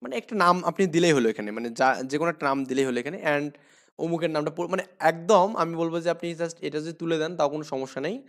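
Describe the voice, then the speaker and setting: A man's voice: fairly high pitch, fast talker, a bit bright. A young man teaches English online in a slightly raised voice. He explains each word patiently, repeats "here" again and again, and checks in with his students as he goes. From Bangladesh. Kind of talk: online class lesson.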